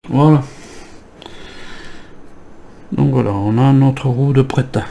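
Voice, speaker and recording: A man's voice: mid-range voice, fairly even intonation, slow, creaky, dark tone, a little hiss or hum. A man with a cold, thinking aloud as he walks through assembling a scale model kit. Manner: thinking aloud while working, many fillers. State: has a cold. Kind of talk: hands-on assembly tutorial.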